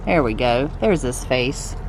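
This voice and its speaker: Inside a car, a middle-aged mother vlogging with her son chats casually, coaxing him and repeating instructions as if to a child. She has an animated bass voice, speaks a little slowly, and the background is noisy.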